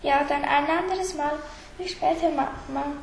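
A woman's voice: high-pitched, fairly even intonation, a little slow, creaky. A woman voicing a cheerful girl talking to her mother on the phone. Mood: eager. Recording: roomy echo, faint background hiss.

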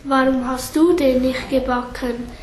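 Eager curious girl read by a woman, high voice, plain storybook reading. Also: fairly even intonation, unhurried, reverberant, background noise.

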